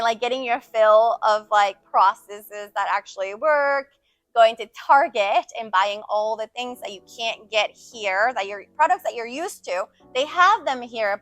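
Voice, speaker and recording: A woman's voice: a little high, no echo. A woman raised in the United States, chatting casually and animatedly as a guest answering viewer questions. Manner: animated, quick storytelling with emphatic swings. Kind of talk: casual chat.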